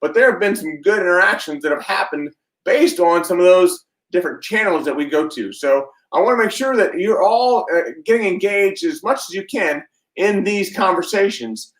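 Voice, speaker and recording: A man's voice: high voice, animated, normal speed, a bit bright, roomy sound, rough recording. A man hosting an online interview show, upbeat and welcoming. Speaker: show host.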